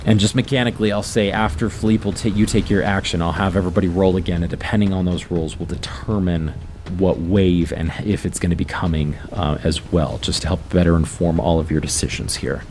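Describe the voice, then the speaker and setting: Man, game master, lowish pitch, halting tabletop narration, faint noise. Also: steady tone, a little mellow.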